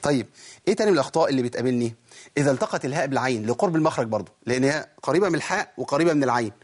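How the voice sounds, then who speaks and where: A man with an Egyptian accent teaching Quran recitation in a recorded lesson, asking rhetorical questions and drawing out example words slowly to demonstrate them. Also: medium pitch, animated. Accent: Egyptian Arabic.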